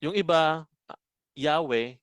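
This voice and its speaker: A man teaching a Bible study lesson, explaining slowly and asking his listeners rhetorical questions. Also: a little high, fairly bright tone, clear, resonant tone, dry recording. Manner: slow, explanatory, asks rhetorical questions often.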